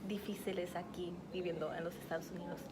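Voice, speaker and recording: A woman asking interview questions in a level, even way. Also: on the low side, quick pace. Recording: clear background noise.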